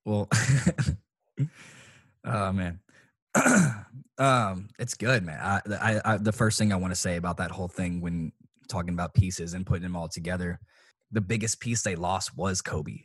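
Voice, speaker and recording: A man with a very low, husky voice speaks in a casual sports talk, choked up and halting as he circles back over his words. He restarts sentences often and swears casually. The recording is close and dry. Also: no echo. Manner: halting, many restarts and fillers.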